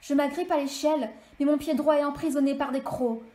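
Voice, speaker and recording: A woman author reading an extract of her novel aloud in steady, measured storytelling. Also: high voice. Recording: echoey room.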